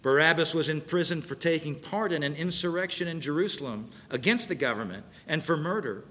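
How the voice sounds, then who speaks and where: A pastor preaching an earnest sermon, pausing to read scripture verses aloud to his congregation. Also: a little high, expressive, bright, forceful tone, big-room sound.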